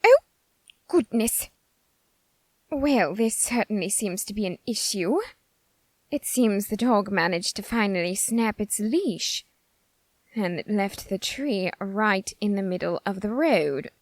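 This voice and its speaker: Voicing a vain, lovestruck, flamboyant reaper, a woman delivers an animated, put-upon theatrical roleplay monologue at medium pitch, drawing out words for drama. There's no echo.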